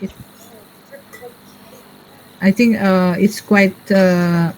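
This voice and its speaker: A woman lecturer leading a class discussion, pausing often with fillers. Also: mid-range voice, fairly even intonation, darkish tone, a little hiss or hum, poor audio. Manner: slow, pausing with frequent fillers.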